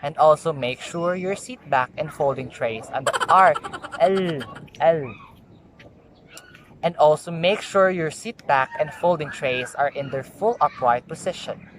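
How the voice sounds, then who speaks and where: Practicing scripted flight attendant announcements, a Filipino-accented young tourism student who also vlogs as an amateur reads in a careful, formal way with stumbles and retakes. The voice is mid-range and measured, with a little hiss or hum, plus music and a dog barking at times.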